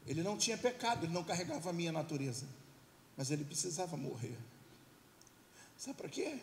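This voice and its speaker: A man's voice: fairly high pitch, very animated, fast. A middle-aged man preaching an emphatic sermon in church and leading the congregation to repeat after him. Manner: emphatic, leads call-and-response. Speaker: pastor. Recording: reverberant church hall, faint hiss.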